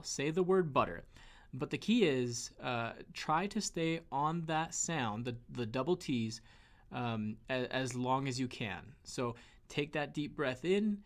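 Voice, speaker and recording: A man's voice: mid-range voice, a bit bright. A man with a Western American accent, teaching a pronunciation lesson with many fillers and restarts. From western United States. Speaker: Spanish teacher.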